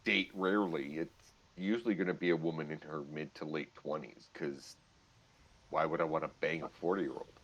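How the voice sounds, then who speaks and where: A man's voice: very deep voice, steady tone, normal speed, fairly bright tone, breathy edge, highs cut off. A man in his forties, bantering and joking in a casual chat. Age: 40s.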